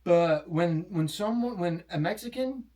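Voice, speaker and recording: A man hosting a casual chat, tossing in dry, deadpan joking asides. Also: high voice, unhurried. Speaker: comedian host.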